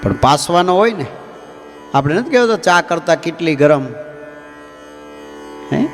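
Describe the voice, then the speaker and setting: A man, a swami giving a folksy storytelling sermon with asides to his listeners. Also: fairly high pitch. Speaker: swami preacher. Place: temple hall. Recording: long temple-hall reverb, faint music.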